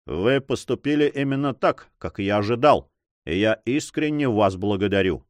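A man voicing a stern, fatherly count in an audiobook, speaking quietly but commandingly. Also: lowish voice, lively intonation, normal speed, no room sound, natural voice.

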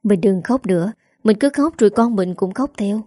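A woman voicing a young husband in an audio story, a loving man who speaks softly to his wife. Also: medium pitch, normal speed, slightly rough, dry recording, clean studio sound, natural voice. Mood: tender. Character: young husband of a rich household, tender and grieving.

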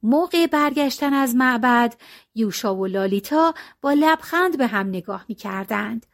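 Expressive woman reading a storybook. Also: a little high. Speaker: audiobook narrator. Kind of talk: storybook narration.

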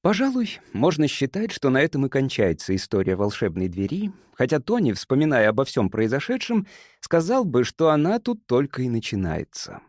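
A man narrating an audiobook story in an expressive, measured way. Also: mid-range voice, no room sound, clean studio sound.

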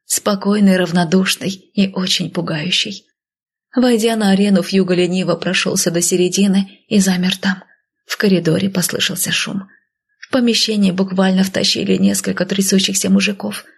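A woman reads a first-person fantasy audiobook softly and intimately, in a hushed, close, quiet narration. Her husky, gravelly voice sits at a middle pitch, with a steady tone and normal speed.

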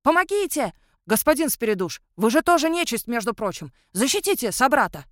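A woman's voice: sing-song, fairly quick, dry recording, clean studio sound. A woman voicing a scheming male werewolf treasure hunter who whines and protests indignantly, as in an audiobook. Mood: whining. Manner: shrill, indignant and whining. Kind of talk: audiobook narration.

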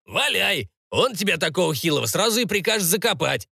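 A gruff, cynical old wizard grumbles with dry indifference in a storybook reading, as a male narrator puts him on. His voice sits slightly raised and swings lively between low mutters and sharper jabs. It is recorded close and dry. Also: fairly quick, dry recording, heavily acted. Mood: gruff, grumbling.

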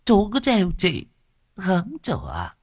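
A man's voice: high-pitched, huge pitch swings, slow pace, darkish tone, breathy edge, no room sound, studio quality, pitched above the performer's own voice, full character voice. A man voicing a flirty, teasing middle-aged woman who runs a teahouse. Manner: teasing, sassy.

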